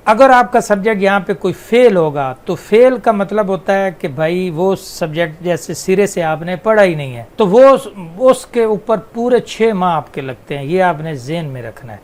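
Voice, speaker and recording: A man talks through a casual screen tutorial. His voice sits fairly high, and he explains each step plainly and then repeats the main points so they stick. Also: darkish tone. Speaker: channel host explaining university exams.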